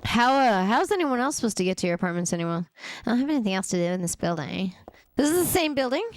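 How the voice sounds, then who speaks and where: A woman's voice: mid-range voice, expressive, quick pace, slight background noise. A young adult woman streaming a game, rambling casually with wry asides to her viewers and to the character she is playing. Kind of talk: casual live gameplay commentary.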